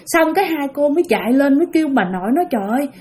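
Woman host, fairly high and very lively voice, chatty storytelling that keeps talking straight to the audience. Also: rapid-fire. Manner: chatty, addresses listeners directly, trailing sentence particles. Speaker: ghost story channel host. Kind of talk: casual spoken storytelling.

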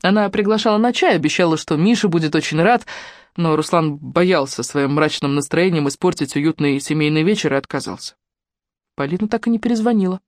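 A narrator reading a novel aloud in a steady, measured way into a close microphone. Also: medium pitch, dry recording. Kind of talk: audiobook narration.

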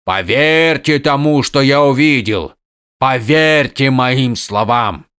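A man's voice: a little high, animated, very slow, bright, forceful tone, smooth, no room sound, clean studio sound, exaggerated voice. A man voicing a stern aging warlord who addresses his troops in a commanding, declamatory way. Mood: rousing.

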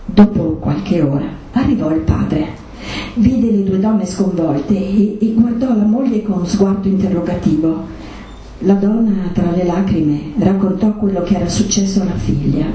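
A woman giving an expressive literary reading at a book presentation, lifting her voice for quoted characters. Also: medium pitch, unhurried. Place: event hall. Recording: echoey hall, voice from far off.

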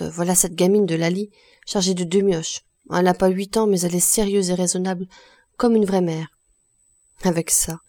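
A woman's voice: lowish voice, mellow, dry recording, clean studio sound, lightly acted. A woman reading the part of a distressed young laundress, speaking earnestly and pleadingly in an audiobook.

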